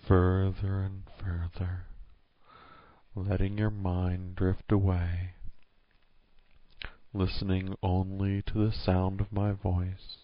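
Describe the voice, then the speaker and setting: A man speaks right in the listener's ear in a hushed, soothing yet commanding hypnosis narration, slipping toward a whisper at times, on a dull close-miked recording. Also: low-pitched, no room sound. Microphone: close microphone, dry.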